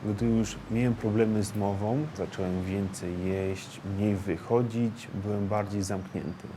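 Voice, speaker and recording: A man telling his own story slowly and deliberately in a documentary interview. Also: on the low side, fairly even intonation, noisy background.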